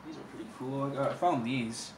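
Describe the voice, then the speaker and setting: A young man talks fairly quickly in a mid-range voice over a noisy background, casually showing off old collectible cards. Sitting in a room at home with a shelf of collectibles, he speaks offhand into a camera mic on the table, often trailing off.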